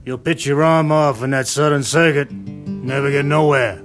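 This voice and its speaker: A man's voice: mid-range voice, steady tone, moderate pace, faint music behind, lightly acted. An actor playing a blunt, persuasive male team manager in a radio drama. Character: male team manager, pushy and cautious promoter.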